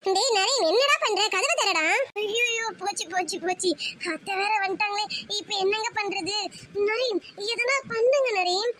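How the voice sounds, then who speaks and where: A woman's voice: extremely high pitch, normal speed, a bit bright, slight background noise. A woman voicing a flustered, playful young woman in love, pleading and fretting in an amateur audio romance story.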